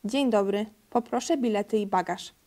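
A woman's voice: mid-range voice, moderate pace, darkish tone, natural voice. Polite rabbit check-in lady read by a woman, official tone. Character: polite female rabbit airport clerk.

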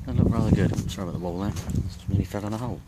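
A man with a very low voice gives relaxed, rambling commentary while he films by a lakeside. His camera mic is close, and clear outdoor and nature sounds carry along behind his words. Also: very noisy. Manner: relaxed, rambling, thinking aloud with pauses. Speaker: angler filming his fishing trip. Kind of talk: casual self-filmed commentary. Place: outdoors by a lake. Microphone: handheld camera from behind the lens.

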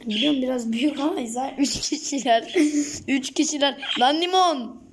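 A young woman vlogging at home, talking in a coaxing, soothing way to her pet bird and sometimes dropping to soft whispers. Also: high-pitched, moderate pace. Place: home indoors. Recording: noisy home recording.

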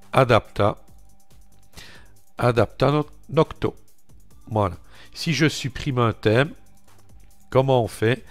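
Slow, chatty French man guiding a tutorial. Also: medium pitch. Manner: slow, chatty, narrates each click with "voilà" and "hop". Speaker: tech tutorial host. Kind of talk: screen-recorded software walkthrough.

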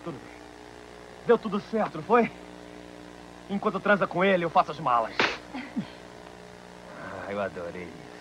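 A voice actor dubbing a hot-headed, jealous young rock guitarist who shouts and picks a fight, in a Brazilian Portuguese film dub. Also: male voice, fairly high pitch, expressive, normal speed, long pauses, background noise, close to an everyday voice. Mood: sarcastic. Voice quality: shouting, aggressive.

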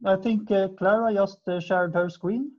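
A woman's voice: medium pitch, steady tone, moderate pace, a little mellow. A woman casually hosting an online meeting and moving it along. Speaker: meeting host. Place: video call. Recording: dull video-call audio.

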